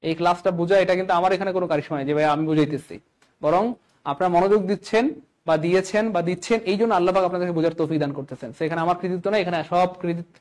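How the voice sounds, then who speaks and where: A man teaching a live exam-prep class, animated and constantly quizzing his students, weaving religious phrases into his lesson. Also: on the high side, low-quality recording. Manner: animated, keeps asking students questions.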